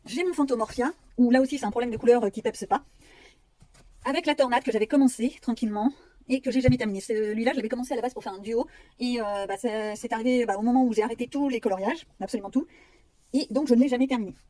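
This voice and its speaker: A woman's voice: on the high side, quick pace, dark tone. A woman vlogger chatting casually about her coloring books, self-mocking and rambling with fillers.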